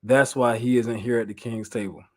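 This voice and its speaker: An American man with a medium-pitched, slightly mellow voice speaks at a normal pace in a steady tone. He's a preacher giving an informal Bible lesson, alternating between reading aloud and a slangy, conversational retelling, and he repeats phrases for emphasis.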